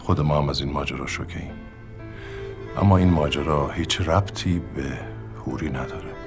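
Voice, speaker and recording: An actor playing a calm, restrained man who speaks formally to a grieving widow. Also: very deep voice. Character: composed man offering cool condolences. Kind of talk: TV drama acting. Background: loud cello music score.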